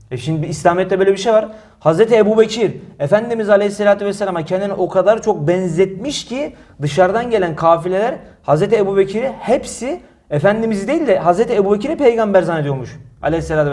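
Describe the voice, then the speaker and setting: A young man preaching in a mosque, answering a critic forcefully, with many rhetorical questions and repeated phrases. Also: sits high. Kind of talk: heated religious talk, defensive.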